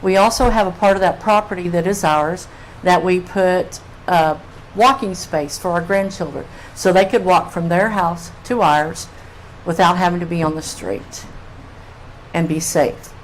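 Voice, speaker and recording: An older local resident with a fairly low voice gives informal public comment at a meeting microphone. She speaks at a measured pace, and the poor audio carries faint room noise.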